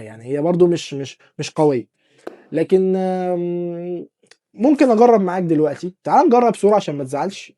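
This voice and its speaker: A man with an Egyptian Arabic accent hosting a casual, joking software tutorial and talking straight to the viewer. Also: fairly high pitch. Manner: chatty, joking, addresses viewer as dear artist. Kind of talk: casual screen-recorded tutorial.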